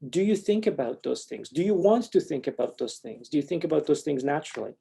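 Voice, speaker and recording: A man's voice: a little high, animated, brisk, gravelly, mellow, slight background noise. A man from Poland giving a talk and answering audience questions, reflective and wry, with frequent restarts.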